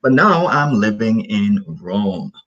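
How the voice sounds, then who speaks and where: A man from Barbados, teaching an online English lesson over a video call and explaining slowly, with many repetitions and synonyms. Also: lowish voice, animated, fairly bright tone, dull audio.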